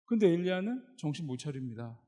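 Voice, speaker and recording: A man's voice: fairly high pitch, fast talker, in a large hall. A male pastor preaching a sermon, telling the story with humor and speaking straight to the congregation. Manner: lively, joking storyteller who addresses the congregation.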